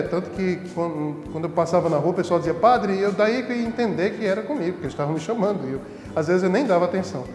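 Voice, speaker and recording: A priest from the Northeast, with a notably high voice for a man, tells amusing stories from his parish life in a relaxed, chatty way. He laughs easily. The voice rings out in a roomy space with long reverb, and soft music plays underneath. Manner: laughs easily while telling funny stories. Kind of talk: casual storytelling. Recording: echoey room with long reverb.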